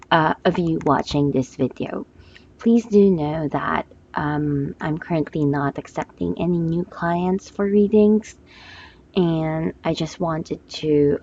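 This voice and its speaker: A hoarse woman reads a monthly love forecast from tarot cards in a low, slow voice. She speaks gently and hesitantly, with many pauses and fillers. The recording sounds somewhat dull and lo-fi. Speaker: tarot reader.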